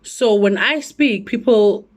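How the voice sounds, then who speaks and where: A woman from South Africa with a South African accent, telling a travel story in a casual, animated vlog with lots of asides. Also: medium pitch, slow. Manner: animated, chatty, full of asides. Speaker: travel vlogger.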